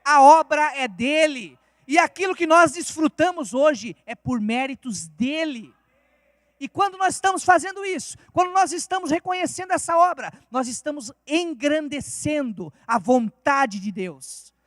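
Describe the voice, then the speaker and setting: Man, Brazilian accent, fervent sermon, rhetorical questions, very high pitch, dry sound. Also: animated, measured pace, fairly bright tone, no echo. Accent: Brazilian Portuguese. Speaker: preacher. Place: church.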